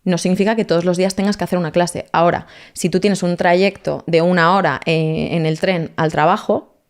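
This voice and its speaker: A woman, a language teacher explaining her methods in an interview, lively and mixing in English words. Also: on the low side, fairly quick. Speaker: language teacher, guest expert.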